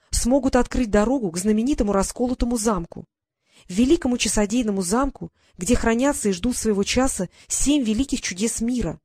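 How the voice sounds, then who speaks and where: A woman's voice: fairly high pitch, a little mellow, no echo, clean studio sound, voice pushed up. A woman voicing a tiny, haughty female fairy courtier who lectures and gets irritated easily. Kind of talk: audiobook character voice.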